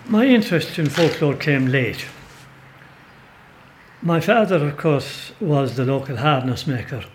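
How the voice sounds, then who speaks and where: An older Irish man with a Kerry accent, a storyteller and folklorist, tells rambling, emphatic anecdotes as an interview guest in the back of a pub. His relaxed, unhurried voice is a little high with lively intonation, and there is slight background noise.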